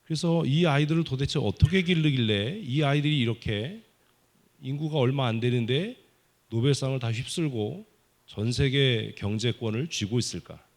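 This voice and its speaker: A man preaching a children's sermon at a summer Bible school service in a church, playfully teasing and quizzing the kids with quick questions. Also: mid-range voice. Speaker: pastor. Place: church sanctuary.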